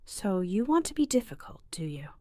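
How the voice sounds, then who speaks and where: A woman doing a rough, barking police inspector. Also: medium pitch, big pitch swings, normal speed, dark tone, dry recording, studio quality, lightly acted. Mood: harsh. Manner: barking, bullying questions. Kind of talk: storybook reading.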